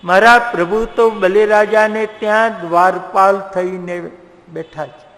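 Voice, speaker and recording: Sly sage voiced by a man, gravelly high voice, lots of hall echo. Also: steady tone, unhurried, fairly bright tone. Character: wandering sage, male, sly and teasing. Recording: echoey hall reverb.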